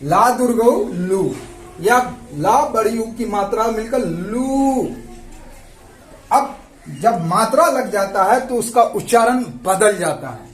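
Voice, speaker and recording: Guy teaching a lesson real slow, high lively voice, echoey room. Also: slight background noise. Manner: patient, repeats and spells out sounds.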